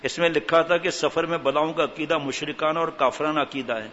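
A fairly high-voiced man preaching in an echoing hall, his sermon full of lively stories and wry jokes. He hammers home strict rulings between the anecdotes, and the recording sounds dull and muffled. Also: slight background noise. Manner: animated, mixes humour with stern religious rulings. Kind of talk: storytelling sermon.

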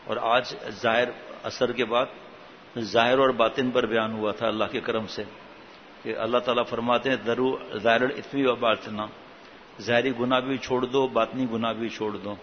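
A man's voice: medium pitch, level tone. A man gives an informal religious talk in a casual, conversational manner. He poses rhetorical questions and restarts words mid-sentence. The recording is dull and lo-fi, with a faint hiss underneath. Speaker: religious preacher.

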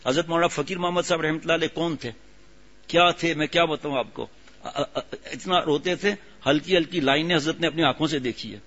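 A man preaching an informal sermon, telling stories in a conversational, scolding and joking way and reciting verses slowly. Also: on the high side, a bit bright. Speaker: religious preacher. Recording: dull lo-fi radio recording.

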